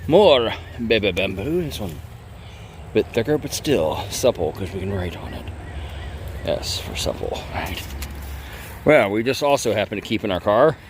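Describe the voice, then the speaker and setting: A southern U.S. man, a hobbyist bladesmith, films a playful, casual demo vlog on a handheld phone in a bamboo grove, teasing the plants as he goes. His lowish voice is sing-song at normal speed, with a little hiss or hum.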